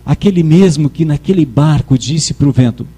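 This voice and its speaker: A man's voice: on the high side, fairly quick, mellow, husky, faint music behind. A male preacher giving a sermon with emphasis, calling on the congregation to repeat his words back to him. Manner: emphatic, leads the congregation in call-and-response.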